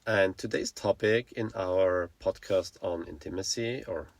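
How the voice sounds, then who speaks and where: On a dry recording, an Austrian-accented man in his forties speaks in a deep, unhurried voice with vocal fry. Native to German, he co-hosts a laid-back podcast in a frank, informal way, frequently groping for words.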